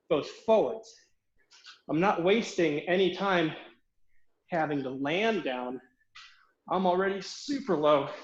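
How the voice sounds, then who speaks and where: Male fencing coach, higher voice, out of breath, roomy slightly muffled home recording. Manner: counts reps aloud while demonstrating drills. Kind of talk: online footwork class instruction.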